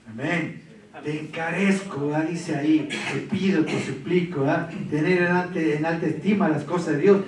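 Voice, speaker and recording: A man's voice: a little high, a little mellow, a little hiss or hum. A man preaching a Sunday sermon, pleading with his listeners and tagging his points with a questioning "right?". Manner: repeats "¿verdad?" often, pleading and exhorting. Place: church hall. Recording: echoey church from far off.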